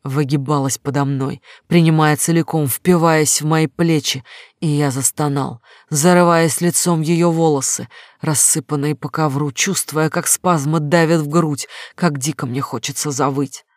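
A man's voice: fairly high pitch, steady tone, normal speed, dry recording, clean studio sound. Man reading an intense audiobook. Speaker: audiobook narrator. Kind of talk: dramatic first-person novel narration.

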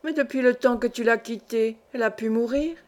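A woman's voice: a little high, fairly quick, a little mellow, lightly acted. A woman reading the lines of a frightened, tearful young boy in a storybook, in a self-reproaching manner. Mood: tearful, despairing.

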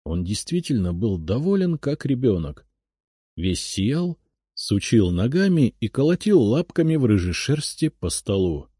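A man narrating a classic novel as an audiobook, reading with expressive, dramatic storytelling. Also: mid-range voice, unhurried, breathy edge, no room sound, clean studio sound.

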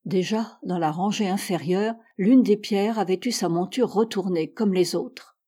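Woman narrator for a classic mystery audiobook; measured and steady, husky voice. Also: mid-range voice. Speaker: audiobook reader. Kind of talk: literary narration.

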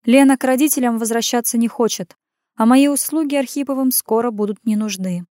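A woman's voice: a little high, brisk, dark tone, no echo, studio quality, close to an everyday voice. A woman voicing a shy but proud young woman who answers back with sulky, teasing replies.

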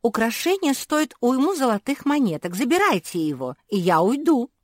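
A woman voicing a spoiled, snobbish little Labrador puppy girl in a storybook, with a shrill, haughty manner. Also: sing-song, normal speed, no room sound, clean studio sound. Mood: pleading.

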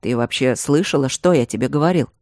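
Woman voicing a male mage, calm, teasing, lecturing, deep voice, dry recording, audiobook. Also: fairly quick, no echo. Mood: quiet teasing. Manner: patient, gently mocking, lecturing.

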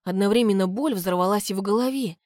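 A woman's voice: mid-range voice, fast talker, darkish tone, no room sound, clean studio sound. Woman narrating a fantasy audiobook. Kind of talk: first-person fantasy narration.

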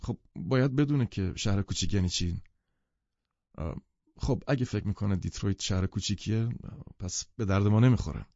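A wealthy, commanding man with a low, dark voice who talks briskly and insistently, as read by a male narrator. The recording is dry and dull. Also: no room sound. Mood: eager.

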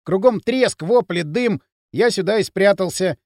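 A man's voice: high-pitched, sing-song, fairly quick, no room sound, studio quality, pitched above the performer's own voice. A man voicing a frightened young male gang leader making excuses in a panic. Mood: scared.

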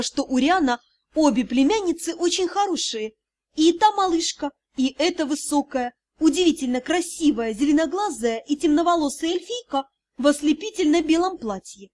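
A woman reads a first-person fantasy audiobook with lively, expressive delivery. Her voice sits fairly high for a woman. The narration is scripted and steady. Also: normal speed.

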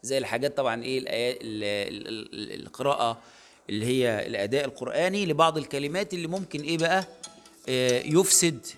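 Soft music plays behind a man who talks fast in a medium-pitched, somewhat bright voice. He is a university lecturer with an Egyptian Arabic accent giving a recorded online lecture, explaining casually with plenty of fillers and self-corrections.

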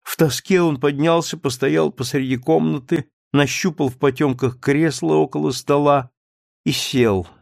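A man reading a story aloud as an audiobook narrator, steady and measured. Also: on the high side, creaky, dry recording, studio quality. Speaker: audiobook reader. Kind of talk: scripted narration.

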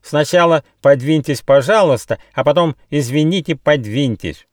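A man voicing a cross male cockatoo parrot who shouts at strangers. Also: fairly high pitch, normal speed, no room sound, clean studio sound, far from the mic, voice pushed up, lightly acted.

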